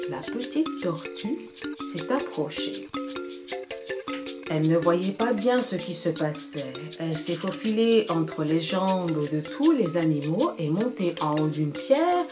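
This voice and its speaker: A woman storyteller narrates a children's folktale in a lively, rhythmic sing-song. Her pitch swings widely from line to line. Music plays beneath her voice. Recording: music playing behind.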